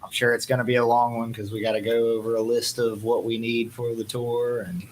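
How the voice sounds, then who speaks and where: A man's voice: medium pitch, flat delivery, brisk, low-quality recording. A man in a casual chat, talking in a laid-back, slangy way as a member of a band. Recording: clear background noise.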